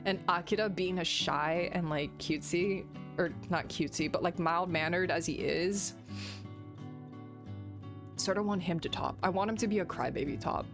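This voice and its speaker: With background game music playing, a woman whose voice sits on the low side reads a visual novel aloud at a normal pace. She's a streamer who comments between passages, cracking jokes and giggling playfully.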